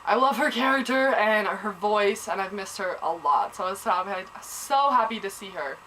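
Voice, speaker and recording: A woman's voice: medium pitch, normal speed, a little hiss or hum, rough recording. Gushing young woman recapping TV. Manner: gushing, excitable, lots of "like" and "oh my god". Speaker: TV episode recapper. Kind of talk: casual chat.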